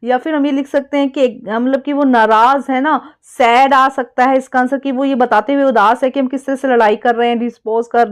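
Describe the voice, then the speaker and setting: An Indian woman teaching an exam-prep lesson, explaining casually and reading English passages slowly and haltingly. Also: on the high side.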